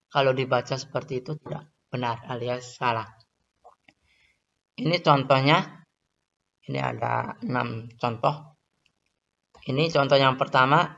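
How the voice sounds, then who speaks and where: A man teaching Quran recitation rules, explaining calmly and then chanting Arabic examples slowly, louder and higher. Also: highs cut off. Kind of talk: tajwid lesson with recited examples.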